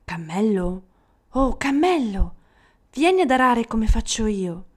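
A woman doing a slow yoked ox. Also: a little high, very animated, full character voice. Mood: plain. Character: plodding male ox under a yoke.

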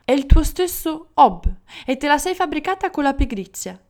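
Woman doing a male desert genie, stern, measured, storybook voice, lively pitch.

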